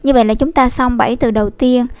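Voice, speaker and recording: A woman teaching an online lesson, explaining slowly and patiently with many fillers. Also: on the high side, fairly even intonation, a little mellow, clear, resonant tone, dry recording. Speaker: English teacher. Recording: dry close recording with faint music.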